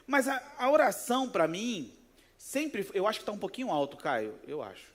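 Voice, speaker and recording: A high-pitched male pastor with a Rio de Janeiro Portuguese accent preaches at a moderate pace in a church sanctuary. His sermon is casual and conversational, full of personal stories in which he playfully acts out the voices and jokes with the congregation.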